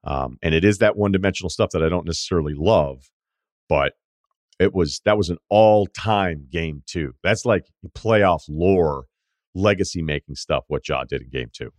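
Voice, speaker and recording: Very deep-voiced American man hosting sports talk. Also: normal speed, no echo. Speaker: sports podcast host. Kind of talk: casual sports talk and ad reads.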